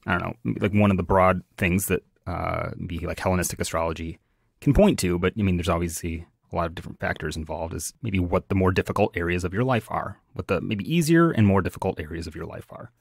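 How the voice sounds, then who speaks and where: A man's voice: sits low, fast, creaky, breathy edge, no room sound, clean studio sound. A man talking as an astrologer co-host in a casual podcast chat, hesitant, full of fillers and restarts.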